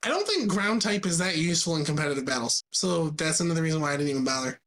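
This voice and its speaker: Joking podcast co-host, halting speech. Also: medium pitch, lively intonation, a bit bright. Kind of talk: casual chat.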